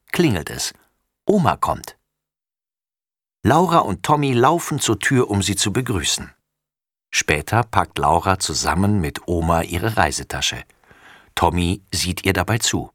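A man reading a children's storybook aloud in an expressive way. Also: deep voice, dry recording, clean studio sound. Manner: expressive, lively. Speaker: narrator.

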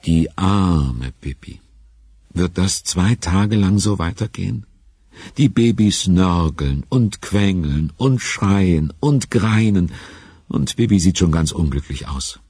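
A man narrating a children's radio play in a calm, storybook way. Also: low voice, slow, husky, no room sound, clean studio sound.

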